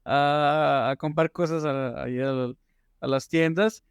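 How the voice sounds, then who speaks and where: A man's voice: a little high, fairly even intonation, slow, smooth, no echo, clean studio sound. A man hosting a casual interview, chatting with the guest and asking questions in a friendly way. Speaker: interview host.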